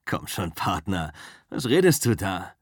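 A man reading an audiobook, voicing a calm, easygoing male driver and stunt double who talks matter-of-factly. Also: low voice, unhurried, slightly rough, no room sound, clean studio sound, full character voice. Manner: easygoing, soothing, matter-of-fact. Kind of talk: audiobook character voice.

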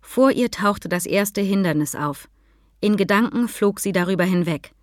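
A woman narrating a children's horse novel as a scripted audiobook, steady and measured, dropping quietly into the dialogue tags. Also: medium pitch, no echo, studio quality.

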